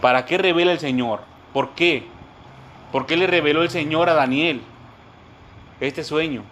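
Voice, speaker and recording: Man, Bible study teacher, fairly high voice, repetitive explaining, faint background noise. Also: a bit bright. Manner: repetitive, addresses listeners as brothers; explains word by word, spells terms out.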